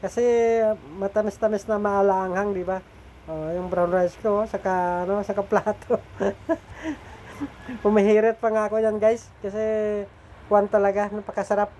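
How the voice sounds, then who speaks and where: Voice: mid-range voice, level tone, normal speed, a little mellow, slight background noise. A middle-aged food vlogger with a slightly nasal voice, chatting casually to viewers while eating and cooking, often turning to them for agreement.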